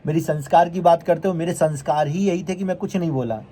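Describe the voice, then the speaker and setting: A man's voice: on the high side, fast, dark tone, slight background noise. A vlogger who is a man, delivering a heated, confrontational rant straight to his viewers and repeatedly scolding his critics.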